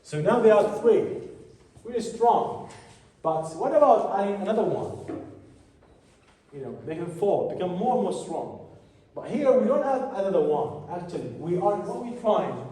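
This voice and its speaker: A man giving a biochemistry lecture to a class, talking in halting bursts that often repeat and restart phrases. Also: high voice, big pitch swings, warm tone. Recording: echoey room from far off, faint hiss.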